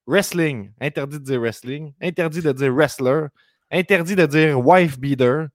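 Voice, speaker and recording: A man's voice: fairly high pitch, dry recording, clean studio sound. A man with a Québécois French accent hosting a podcast, reeling off news items in casual chat. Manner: quick news rundown, lists words rapidly. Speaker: podcast host.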